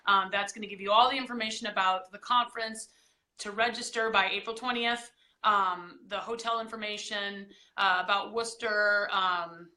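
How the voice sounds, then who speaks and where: Bright-voiced woman hosting a video chat. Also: mid-range voice. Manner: friendly, lots of "um" fillers. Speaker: host of an online interview. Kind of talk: casual interview.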